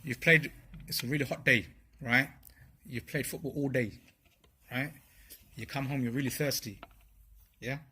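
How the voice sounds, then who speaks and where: Guy giving a laid-back religious talk to a group, kinda husky voice, keeps asking the room "right?". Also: mid-range voice, fairly even intonation, moderate pace, pauses often, bright, forceful tone. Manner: conversational, checks in with "yeah?" and "right?". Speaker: speaker at a religious study circle.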